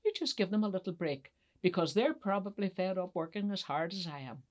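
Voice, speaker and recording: A woman voicing a fed-up but kindly old male Santa, speaking emphatically with drawn-out words in a children's story. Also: on the low side, expressive, lightly acted. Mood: emphatic, kindly.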